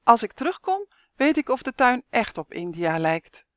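A woman reading as a bossy lively young girl. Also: on the high side, normal speed, no echo, clean studio sound, pitched above the performer's own voice. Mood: excited.

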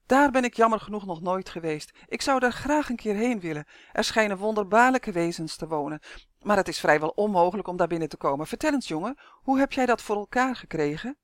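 A storyteller voicing a measured, good-natured male shaman in a storybook reading. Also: medium pitch, lively intonation, dry recording, clean studio sound, lightly acted. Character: calm, probing adult male shaman.

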